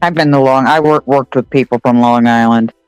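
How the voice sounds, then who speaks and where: A woman's voice: very deep voice, fairly even intonation, brisk, darkish tone, smooth, no room sound, faint music behind, rough recording. Joking woman telling gossipy stories. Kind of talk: casual chat. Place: home in Connecticut.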